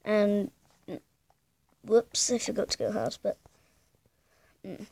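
Slow, gravelly young woman gaming. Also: medium pitch, fairly even intonation, darkish tone, dry recording. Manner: hesitant, thinking aloud, humming to herself. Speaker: gamer. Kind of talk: casual gameplay commentary.

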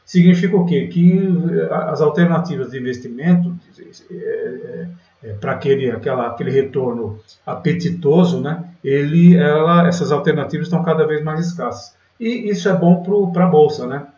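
A man's voice: fairly high pitch, normal speed, mellow. A man from Brazil hosting a day trading channel, talking over a screen recording of market charts in a chatty, filler-heavy way. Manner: chatty, filler-heavy, keeps saying "galera" and "né". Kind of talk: screen-share market commentary. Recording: roomy, distant, dull lo-fi mic.

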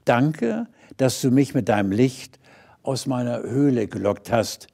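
A man's voice: medium pitch, unhurried, gravelly, warm tone. A man voicing a small, friendly and adventurous wood mouse in a storybook reading, with an eager manner.

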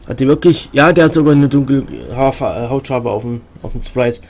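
A man's voice: mid-range voice, brisk, darkish tone. A man streaming a role-playing game, chatting casually with many fillers and restarts and reading game text aloud.

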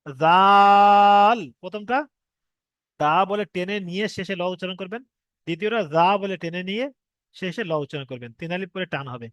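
A Quran reading teacher from Bengal gives an online lesson on reading Arabic letters, patiently repeating each point, drawing out example sounds, and asking whether students follow. His voice is high, quick, and fairly bright, recorded with no echo and dull audio.

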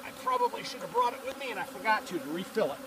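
Working a beehive on a farm, a man in a bee suit and veil gives calm, step-by-step narration, a hobbyist's informal how-to. His voice sits high and he speaks very fast. The camera is a few feet away outdoors, so the sound is distant, with bees buzzing and background noise.

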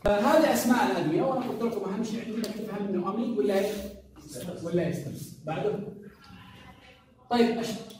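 Fast-talking male lecturer in an echoey classroom. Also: high-pitched, warm tone. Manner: quizzing students with rhetorical questions; mixes English drug terms into colloquial Arabic. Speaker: pharmacology lecturer. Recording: echoey classroom from a distant mic with faint noise.

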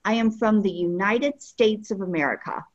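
A woman teaching a language lesson, speaking patiently and repeating each phrase slowly so learners can follow. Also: mid-range voice, lo-fi sound. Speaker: Arabic teacher.

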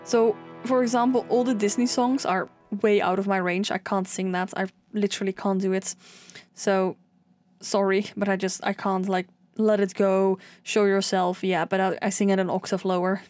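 Chatting over her Sims speed build, this young woman wanders from thought to thought with plenty of fillers. She has a low singing voice, delivered flatly at normal speed with a darkish tone, in a dry recording with soft background music.

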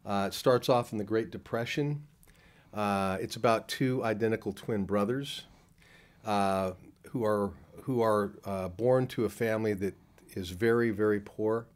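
The speaker is an older film producer interviewed at a convention, speaking a little slowly at a fairly low pitch. He restarts often and uses plenty of fillers, talking into a handheld mic held by the interviewer in a room with a poster wall behind.

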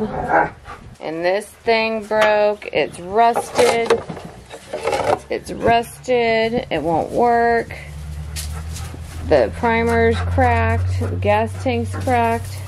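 Slow-talking woman coaching outdoors. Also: a little high, background noise. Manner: patient, coaching, chatty with laughs. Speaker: homestead vlogger filming her son. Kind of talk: casual vlog talk to her child and camera. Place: outdoors on a farm yard.

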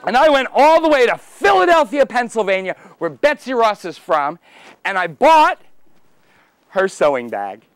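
Animated, high-pitched male kids party magician. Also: moderate pace, clean tone, dry recording. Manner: exuberant, theatrical, often shouting and playfully exclaiming. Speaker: children's magician. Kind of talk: kids party magician patter to child volunteers. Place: children's library room, performing before seated kids.

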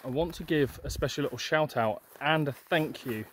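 A young man walking an open hillside vlogs casually to a camera at arm's length, chatty and cheerful with plenty of fillers. His voice leans high, his speed is normal, and a bit of background noise comes through.

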